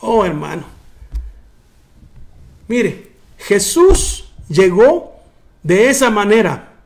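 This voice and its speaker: A man pastor preaching a sermon, often calling out "brother" and dropping soft and low for emphasis. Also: big pitch swings, very slow, vocal fry. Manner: preaching with repeated "hermano" and restarts.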